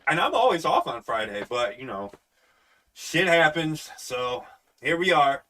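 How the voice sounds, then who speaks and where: A man's voice: fairly high pitch, sing-song, a little slow, pushed and bright. A young man co-hosting a casual podcast, cursing freely and joking through the banter. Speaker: co-host.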